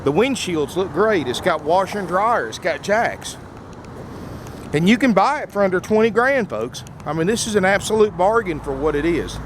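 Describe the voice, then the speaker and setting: A man with a fairly high voice delivers a casual, folksy sales pitch on video. His words come out a little slurred, as if half his mouth is still numb from the dentist. There is clear engine-like noise behind him. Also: lively intonation, moderate pace. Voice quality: slightly slurred speech from a numb mouth after dental work. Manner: folksy, often addresses viewers as "folks". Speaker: RV salesman presenting a used motorhome. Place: outdoors at an RV lot, then inside the motorhome. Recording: noisy outdoor handheld video, engine rumble.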